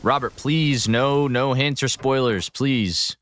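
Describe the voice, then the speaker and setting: A man's voice: medium pitch, takes it slowly, fairly bright tone, a little hiss or hum. Chatty male game streamer. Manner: chatty, answering chat as he plays. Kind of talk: casual gameplay commentary.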